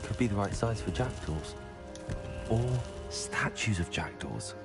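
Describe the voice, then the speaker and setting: A man's voice: on the low side, sing-song, unhurried, loud music behind the voice. An actor voicing a young male wizard student in a video game, asking dry, curious questions.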